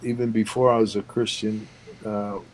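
A man's voice: lowish voice, moderate pace, a little hiss or hum, poor audio. A middle-aged man from Pennsylvania, a guest chatting easily in an interview, often tacking "man" onto his sentences. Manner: easygoing, relaxed, often ends phrases with "man". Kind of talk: casual interview chat.

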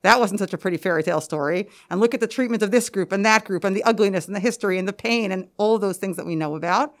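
A woman with an American accent explains her thinking as an interview guest, in a medium-pitched voice. She is articulate and emphatic, building points through rhetorical questions. A face mask slightly muffles her speech. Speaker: interview guest, school administrator and researcher. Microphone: podcast microphone, through a face mask.

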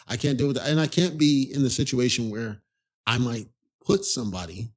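A man's voice: mid-range voice, normal speed, husky. A man hosting a podcast, telling a personal story in a casual, rambling monologue full of "you know" asides. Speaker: podcast host.

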